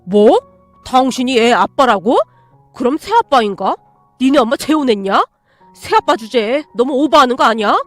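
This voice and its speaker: A woman's voice: high voice, expressive, moderate pace, dry recording, faint music behind. A woman acting as a furious bullying father. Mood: yelling, contemptuous. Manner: yelling, insulting, jabbing. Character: furious middle-aged father, bullying and crude. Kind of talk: radio story reading.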